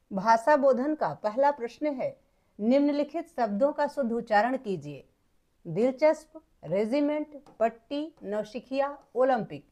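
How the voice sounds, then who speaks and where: High-voiced woman teaching a lesson. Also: darkish tone. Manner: patient, step-by-step, repeats points for students. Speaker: Hindi teacher. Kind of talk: explaining textbook exercises.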